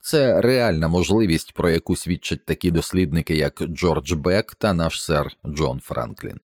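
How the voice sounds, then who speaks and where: A man voicing a stern middle-aged ship's captain giving firm, measured orders in an audiobook. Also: deep voice, a little mellow, no room sound, studio quality. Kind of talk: audiobook character reading.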